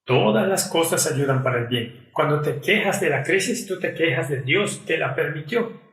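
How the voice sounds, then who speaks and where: A man's voice: a little high, lively intonation, normal speed, a bit bright. A man preaching a sermon in an earnest tone, acting out quoted prayers and complaints. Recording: echoey hall, mic at a distance.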